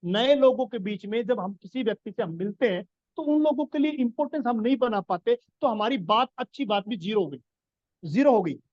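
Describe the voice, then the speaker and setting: A man's voice: high voice, lively intonation, fairly quick, a little mellow, no echo, muffled recording. A man giving an earnest business coaching talk, explaining his points and repeating key phrases for emphasis. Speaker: business trainer.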